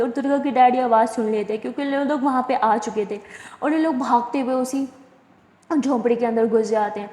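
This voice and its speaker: A woman's voice: on the high side, darkish tone. A woman telling a love story in a chatty, casual way and correcting herself as she goes. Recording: echoey room with long reverb.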